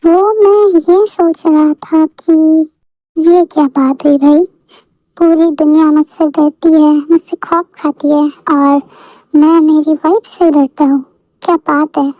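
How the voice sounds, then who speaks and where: A woman's voice: sits high, fairly even intonation, takes it slowly, no echo. A woman voicing a teasing mafia boss husband. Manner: playful, flirty, boastful. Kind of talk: fan audio story. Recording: dull lo-fi dry recording.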